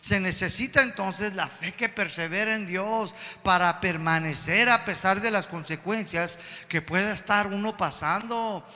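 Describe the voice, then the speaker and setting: A man delivers an emphatic sermon, calling again and again to his brothers. His voice sits high and has a sharp, forceful edge. It rings out with a long reverb, as in a large hall. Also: a little slow, few pauses. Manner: emphatic, keeps addressing the congregation as brothers. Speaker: preacher.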